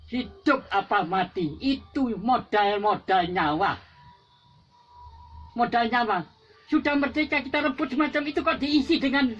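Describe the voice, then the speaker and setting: Repeating his exhortations until they build to emphatic peaks, an older Javanese war veteran gives a fervent patriotic speech. His voice sits high with a fairly bright tone, and the lo-fi recording sounds dull, with faint music behind it.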